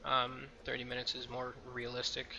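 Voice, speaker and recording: A man's voice: medium pitch, completely flat delivery, moderate pace, vocal fry, bright, forceful tone, a little hiss or hum. A man hosting a let's play, talking casually over his game with frequent ums and a loose, rambling manner. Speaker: gameplay video host. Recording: game music playing behind.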